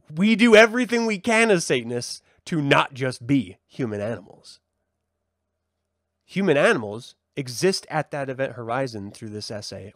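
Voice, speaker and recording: Recorded cleanly in a studio with no room sound, the man's mid-range voice has a slightly bright quality. As a livestream host and religious reverend, he reflects aloud before an online audience, leaning on rhetorical questions and strong emphasis.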